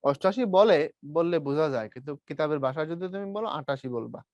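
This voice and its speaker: Young male tutor from Bangladesh, light Brahmanbaria accent, fairly high voice, dry close sound, patient step-by-step lecturing. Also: animated, fast, darkish tone, no room sound, lo-fi sound. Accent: Bangladeshi Bengali, Brahmanbaria region. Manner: explains step by step, calls students brother, models sounds aloud. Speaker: teacher. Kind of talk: online class lecture.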